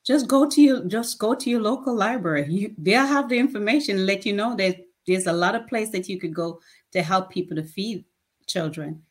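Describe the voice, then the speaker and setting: A woman's voice: medium pitch, moderate pace. A woman, speaking plainly and emphatically as a nonprofit founder in an interview. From Jamaica. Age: 50s. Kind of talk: casual interview talk.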